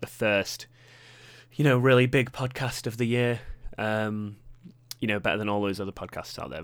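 Posh-sounding British man, low and dry. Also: fairly bright tone, dry recording. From Britain. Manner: rambling, self-deprecating, many fillers. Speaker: podcast host. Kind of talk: casual solo podcast chat.

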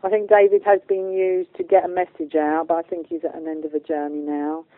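A medium and channeller appears as an interview guest on a spiritual program, speaking informally, earnestly and emphatically in everyday language. Her lowish voice stays level in tone and moves briskly. The recording is dry, over a narrow line like a phone.

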